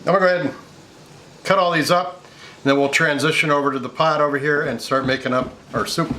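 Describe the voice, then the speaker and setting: A man's voice: on the high side, steady tone, quick pace, pushed and bright, poor audio. A man in his fifties with an American accent, talking casually as a cooking show host and explaining each step of a recipe. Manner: explanatory, conversational step-by-step narration. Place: home kitchen, indoors. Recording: clear background noise, kitchen clatter.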